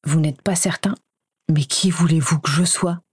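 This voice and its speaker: A flustered teenage boy wizard, quick to protest, voiced by a woman reading aloud. Her tone is low and husky, recorded dry and close. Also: lively intonation, darkish tone, no echo, heavily acted.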